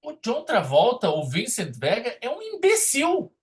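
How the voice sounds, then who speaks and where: A podcast host with a southern Brazilian accent talks films casually and opinionatedly, telling stories in an emphatic, colloquial manner. His voice is very high-pitched, swooping wildly in pitch, and a little slow.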